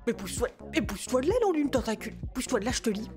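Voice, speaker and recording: A woman's voice: a little high, animated, very fast, music in the background, natural voice. A woman playing an exasperated mother who scolds her unruly little son in a comic game role-play, full of tag questions and mild swearing. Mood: exasperated, scolding. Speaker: gaming video creator.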